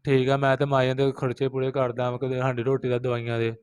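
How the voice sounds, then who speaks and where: A man's voice: medium pitch, completely flat delivery, fast, a little mellow, clear, resonant tone. A man with a Pakistani Punjabi accent, a rickshaw driver interviewed in the street, recounting events and quoting others over and over.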